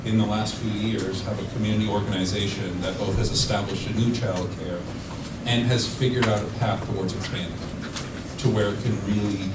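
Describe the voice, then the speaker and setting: A man moderating a conference panel, speaking haltingly with many fillers. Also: on the low side, steady tone. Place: large conference room. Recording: echoey hall, distant mic, loud background noise.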